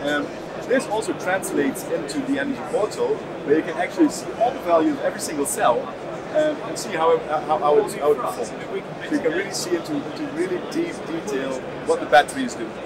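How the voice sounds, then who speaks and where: A company rep in his thirties shows off a product at a booth in a big exhibition hall, where a loud crowd fills the background. His fairly high voice swings widely in pitch, and his speech is halting, with many repeated word restarts.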